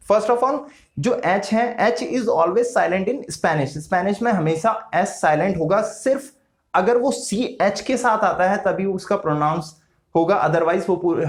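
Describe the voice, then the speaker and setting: A man teaching a casual spoken lesson, slow and patient, repeating each sound several times with frequent hesitant fillers. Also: high-pitched. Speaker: language teacher. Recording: roomy echo.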